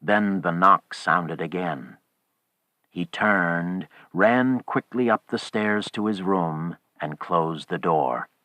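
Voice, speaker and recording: A man narrating a horror audiobook in a measured, grave manner. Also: deep voice, bright, forceful tone, no room sound.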